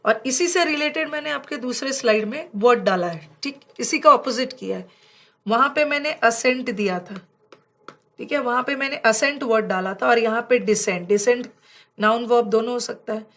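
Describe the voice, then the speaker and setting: A woman with a fairly high voice teaches vocabulary from slides for an exam class. She explains in Hindi that is full of words, and she slows right down to read example sentences. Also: fairly bright tone.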